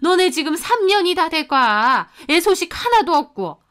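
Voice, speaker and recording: A woman voicing a bossy, harsh middle-aged mother-in-law in a radio drama, talking in a sharp, scornful way. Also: extremely high pitch, very animated, unhurried, pitched above the performer's own voice, heavily acted. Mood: scolding. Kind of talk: Korean story radio drama.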